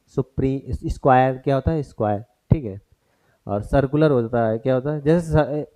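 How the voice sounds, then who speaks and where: A man's voice: mid-range voice, warm tone. A man teaching a grammar lesson for exam prep, who turns each point into a question for the class and mixes English terms into his explanation.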